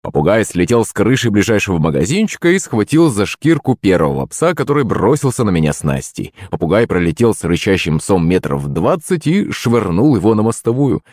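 Lively low-voiced male audiobook narrator. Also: fairly quick, few pauses, dry recording, clean studio sound. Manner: expressive, voices the characters. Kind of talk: scripted first-person audiobook narration.

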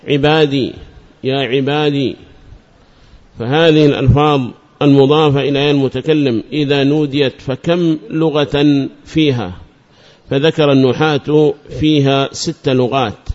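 A man teaching Arabic grammar, explaining a verse poem and slowly repeating each example. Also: medium pitch, darkish tone. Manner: recites verses in a chanting tone. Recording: dull lo-fi recording.

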